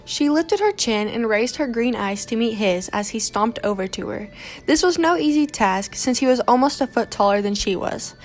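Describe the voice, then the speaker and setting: A woman narrating a romance novel aloud in a steady, measured reading voice. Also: a little high. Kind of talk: scripted audiobook narration.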